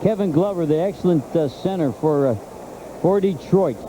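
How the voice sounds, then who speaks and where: A color commentator offers live football analysis over a noisy stadium broadcast, the crowd audible behind him. His voice is a little high and moves at a moderate pace, and his delivery is conversational and emphatic, with a habit of repeating himself.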